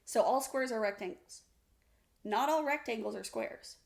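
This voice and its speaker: Woman podcast co-host, gravelly, firm and explanatory in argument. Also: on the high side, moderate pace, darkish tone. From United States. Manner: insistent, explains by analogy. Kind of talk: casual debate.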